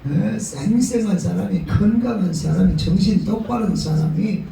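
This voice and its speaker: A man with a Gyeongsang accent preaching a sermon, telling the story in a lively way and acting out the quotes. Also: high-pitched, normal speed, vocal fry, recorded from a distance, slight background noise. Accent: Gyeongsang Korean. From Gyeongsang region of Korea. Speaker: pastor. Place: prayer retreat hall. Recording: very echoey hall, voice from off the mic.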